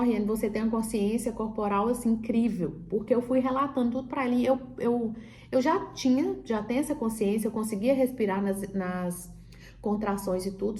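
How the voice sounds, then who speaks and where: A woman's voice: on the high side, dark tone, slight background noise. A woman telling a personal story in a casual, chatty way, acting out the dialogue as she goes. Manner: chatty, retells dialogue with many fillers. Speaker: vlogger telling her birth story.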